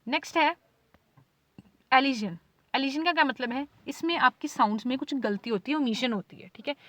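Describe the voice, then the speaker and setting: A woman's voice: sits high, moderate pace, a bit bright, no echo. A woman teaching a class in a lesson video, explaining patiently, saying "ठीक है" again and again and sounding out example words. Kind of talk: whiteboard lecture in Hindi with English terms.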